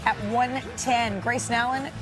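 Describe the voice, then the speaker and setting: A woman anchors a basketball highlight segment, walking through plays in a brisk, upbeat manner. Her voice sits a little high, with a clear music bed playing beneath it. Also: fairly even intonation. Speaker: studio host. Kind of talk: sports highlight show hosting.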